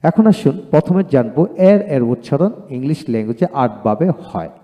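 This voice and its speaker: A man teaching a lesson, methodically listing item after item with counts in a steady explaining voice. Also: medium pitch, a little fast. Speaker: English teacher. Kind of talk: instructional explanation. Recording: long hall reverb.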